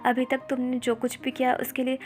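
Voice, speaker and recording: A woman voicing a frail, gentle young girl who reassures her friend in a story recap. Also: high-pitched, monotone, fairly quick, natural voice. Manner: soft, reassuring, grateful.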